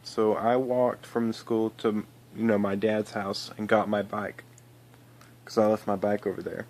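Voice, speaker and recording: A man with a lowish, fairly flat voice talks through a story from his own life. He rambles and restarts a lot, filling the gaps with "you know" and "I was like." It sounds like loose, unscripted vlog talk. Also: unhurried. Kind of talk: casual personal storytelling.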